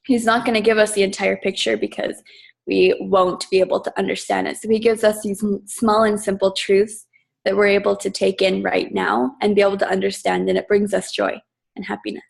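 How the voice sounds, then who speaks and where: A woman's voice: medium pitch, level tone, a little fast, vocal fry. A woman student sharing a comment in class, chatty and earnest, with lots of "like".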